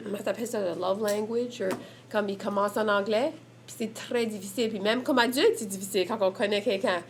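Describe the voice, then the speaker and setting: A mother from the Évangeline region of Prince Edward Island, with an Acadian French accent, gives a candid personal testimonial about family and language, searching for her words. Her mid-range voice is fairly even and fairly quick, with a little hiss or hum.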